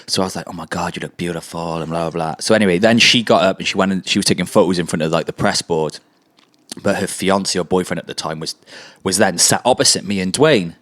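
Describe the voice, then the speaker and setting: A man's voice: sits low, quick pace, a bit bright, dry recording. A man, a guest on an interview podcast, chatting casually and swearing freely as he tells anecdotes. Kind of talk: casual chat.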